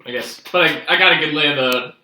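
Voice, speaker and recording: A man playing a tabletop game, chatting in a relaxed, unsure way about what his character does. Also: fairly high pitch, quick pace, far from the mic, slight background noise. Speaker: player. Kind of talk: casual tabletop game chat. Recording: echoey room.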